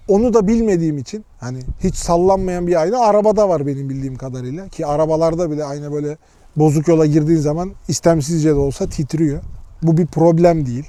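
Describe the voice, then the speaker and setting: Casual man with very dark, mellow voice. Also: a little high, dry recording. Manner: informal, unpolished, thinking aloud. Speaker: motorcycle vlogger. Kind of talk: casual motovlog chat.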